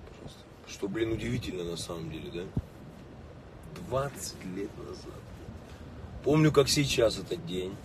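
A man in his late thirties chatting casually with fans on a livestream from inside a car in city traffic, greeting viewers by name. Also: low-pitched. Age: late 30s. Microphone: phone held or mounted at arm's length. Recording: distant phone mic with street noise.

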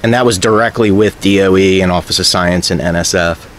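With a low voice and a slightly fast delivery, this American caller in his thirties phones in a records request, casual, somewhat hesitant, and agreeable. He's outside in front of leafy greenery, with faint outdoor noise and a crowd audible in the background.

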